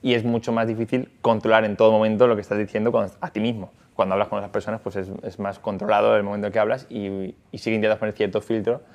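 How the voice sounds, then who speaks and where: Man, casual chat, fast and halting delivery, low pitch, muffled lo-fi recording. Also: flat delivery. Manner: hesitant, many fillers and restarts. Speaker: factory worker and father. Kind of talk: casual conversation.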